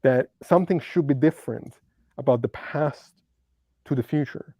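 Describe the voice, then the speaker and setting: The speaker, a man for whom English is a second language, appears as a debate guest on philosophy and keeps pausing to hunt for words, filling gaps with ums. His voice sits at medium pitch and normal speed, recorded dry with a dull sound.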